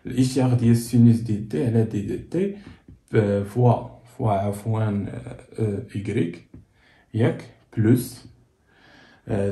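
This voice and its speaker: A man's voice: medium pitch, mellow. A man with a Moroccan Arabic accent teaching physics at a board, asking and answering his own questions to keep students following. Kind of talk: blackboard lesson. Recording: echoey room.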